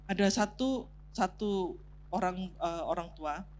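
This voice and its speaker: A woman's voice: on the low side, takes it slowly, darkish tone, a little hiss or hum. Woman preaching a marriage sermon. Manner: teaching, lists points, mixes in English terms; prompts the congregation to take part, laughs along. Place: church sanctuary.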